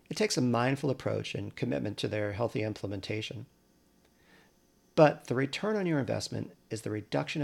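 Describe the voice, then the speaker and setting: A man coaching parents in a scripted podcast monologue, earnest and measured as he gives advice. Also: on the low side, vocal fry.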